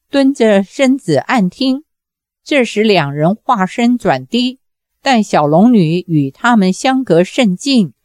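A woman narrating a novel as an audiobook in a measured storytelling manner. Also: a little high, darkish tone, no room sound, clean studio sound.

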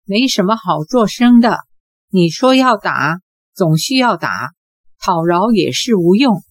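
A woman's voice: mid-range voice, expressive, measured pace, dry recording. A woman voicing a cheeky, glib teenage boy in an audiobook, in a playful, wheedling manner. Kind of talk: audiobook character voice.

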